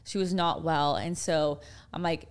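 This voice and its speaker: A young woman talks through a story on her podcast in a loose, chatty way, full of fillers and asides. Her voice sits a little low for a woman. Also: measured pace. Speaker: podcast co-host. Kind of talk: casual chat.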